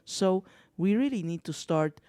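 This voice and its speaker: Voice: mid-range voice, animated, measured pace, dark tone, clean tone, no room sound. A co-host of a wellness talk show, speaking in a reflective way and often repeating phrases. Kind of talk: casual talk show chat.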